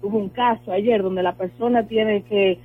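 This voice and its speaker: A husky-voiced woman with a Dominican accent, speaking as a lawyer and guest. She explains earnestly, leaning on examples and plenty of fillers. Her voice comes through a tinny phone line, with faint music behind. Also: medium pitch, steady tone, normal speed. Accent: Dominican Spanish. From Dominican Republic. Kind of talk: radio interview over the phone.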